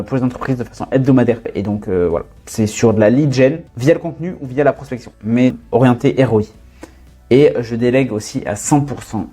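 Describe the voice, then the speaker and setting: Young adult man, relaxed mellow voice, informal vlog delivery full of fillers. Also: mid-range voice. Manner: fast casual, many fillers, addresses viewer as "tu". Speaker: freelance content creator. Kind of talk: casual talking-head vlog.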